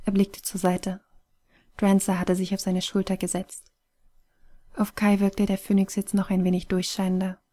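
A woman narrating an audiobook story in a soft, hushed, breathy manner. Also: mid-range voice, monotone, normal speed.

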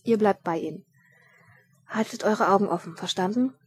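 Woman reader as a harried male watch chief, gruff, commanding, shouting in an audiobook. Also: medium pitch, moderate pace, close to an everyday voice. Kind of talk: audiobook reading.

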